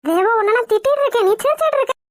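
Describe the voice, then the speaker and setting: A woman voicing a bossy, sharp-tongued young village woman in a cartoon, scolding with quick retorts. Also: extremely high pitch, expressive, no room sound, studio quality. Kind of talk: cartoon voice acting.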